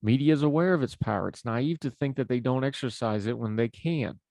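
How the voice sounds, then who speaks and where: A man with an Appalachian accent speaks in a mellow, relaxed voice, close and dry. He hosts a talk show with folksy, conversational commentary on the news. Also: mid-range voice, brisk, creaky, dry recording. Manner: folksy, informal address.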